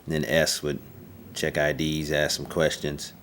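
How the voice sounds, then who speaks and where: An actor playing a matter-of-fact squad leader describing checkpoint duty. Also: male voice, rumbling low, completely flat delivery, measured pace, a bit bright, slight background noise. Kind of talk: dramatic monologue.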